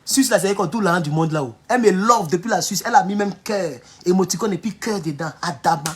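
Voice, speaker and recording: A man with an Ivorian French accent talking casually on a livestream, reading viewer comments with mocking asides and laughter, dropping to low mutters and then flaring up loudly. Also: quick pace, a little hiss or hum. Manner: animated, laughs often, mocking asides, swings from low mutters to loud outbursts. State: sore back. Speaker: online political commentator.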